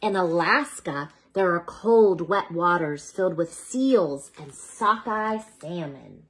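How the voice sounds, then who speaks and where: Expressive and unhurried, a woman reads a children's bedtime story aloud as if a child were listening. Her voice is a bit husky and pitched fairly low.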